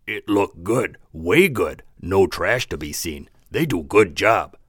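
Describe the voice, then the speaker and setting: A man voicing a big, simple male rock troll who speaks slowly in broken grammar. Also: sits low, lively intonation, fairly bright tone, breathy edge, no echo, studio quality, heavily acted. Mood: plain.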